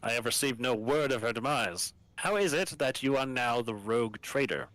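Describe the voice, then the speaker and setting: Man voicing a stern, formal military governor, bright voice. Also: medium pitch, moderate pace, dry recording, lightly acted, rough recording. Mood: curt, formal. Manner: curt, formal, commanding.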